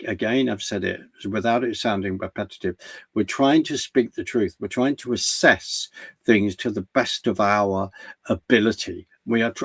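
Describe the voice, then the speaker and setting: A man's voice: lowish voice, a little mellow, slightly rough, dry recording. A man giving earnest commentary in a conversation, often restarting his sentences. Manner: earnest, halting with many restarts. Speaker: guest commentator.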